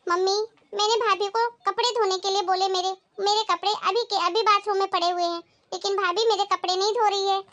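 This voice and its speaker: A woman voicing a spoiled, demanding young married daughter who complains in a shrill voice, in a dramatized moral story. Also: steady tone, brisk, few pauses, fairly bright tone, lo-fi sound.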